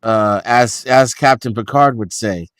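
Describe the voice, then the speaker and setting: A man's voice: mid-range voice, measured pace, very noisy. A man chatting casually in a group voice chat, hesitant and wry in manner.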